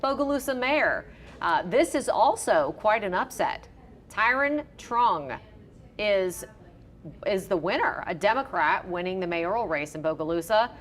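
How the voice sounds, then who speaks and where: A woman's voice: mid-range voice, lively intonation, unhurried. A woman anchoring live election results, steering the discussion in an organized way. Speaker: news anchor hosting election coverage.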